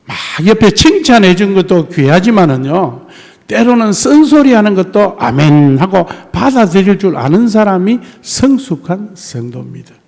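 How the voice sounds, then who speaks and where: A man's voice: sits high, very animated, normal speed, vocal fry, a little mellow. An older male pastor with a strong Gyeongsang accent from the Tongyeong and Geoje area, preaching a sermon in a folksy, joking way and acting out the dialogue he quotes. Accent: Gyeongsang, Tongyeong-Geoje dialect. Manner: folksy, acts out dialogue in many voices, jokes with the congregation. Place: church sanctuary. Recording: long church hall reverb.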